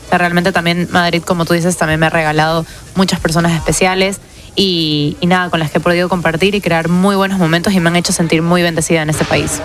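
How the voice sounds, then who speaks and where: A woman from Ecuador with an Ecuadorian accent, chatting casually in a radio studio in a warm, grateful way. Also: fairly low pitch, little pitch movement, fast. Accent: Ecuadorian Spanish. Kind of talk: casual chat.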